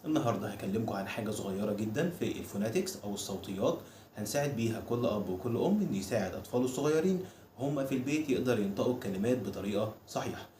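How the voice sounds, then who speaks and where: A man with an Egyptian Arabic accent teaching English pronunciation, slowing down to spell out letters and words one by one. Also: fairly low pitch, animated, warm tone. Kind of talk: explaining English pronunciation to viewers. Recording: echoey room with faint background noise.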